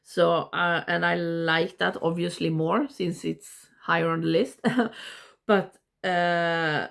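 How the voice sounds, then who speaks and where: A woman with a blocked nose giving a casual video review, rambling and haltingly, often interrupting herself. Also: fairly low pitch, little pitch movement, gravelly, a bit bright. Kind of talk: casual ranking review to camera.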